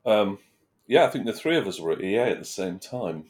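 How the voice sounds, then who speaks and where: A man's voice: on the low side, big pitch swings, fairly quick, darkish tone. A middle-aged man with a British accent, chatting casually as a guest in an interview. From United Kingdom. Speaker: interview guest, game developer. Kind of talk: casual chat.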